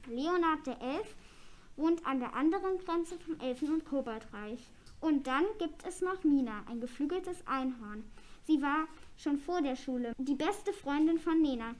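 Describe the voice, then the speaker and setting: A woman reading a children's story aloud in a plain, even way. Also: sits high.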